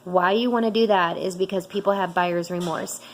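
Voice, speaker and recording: A woman giving casual coaching tips in an upbeat, chatty way, often acting out her own excited messages. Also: lowish voice, normal speed, slight background noise. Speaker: direct sales coach.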